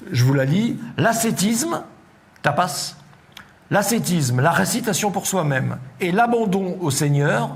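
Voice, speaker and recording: A middle-aged man with a rather high-pitched voice delivers a philosophy lecture to a seated audience. He explains patiently, circling back with hesitations and little asides to check that listeners follow. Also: vocal fry.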